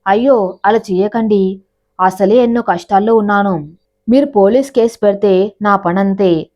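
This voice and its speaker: A woman reads a persistent young man in a spoken storybook, pleading and melodramatic as he begs for attention. The tone stays mellow and soft. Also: medium pitch, measured pace, lightly acted.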